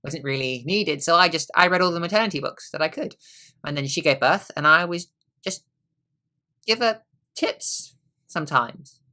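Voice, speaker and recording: A young student actor playing a weary, brooding middle-aged husband in a stage monologue, wry and rueful, trailing into quiet asides. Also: male voice, fairly high pitch, animated, normal speed. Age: young adult.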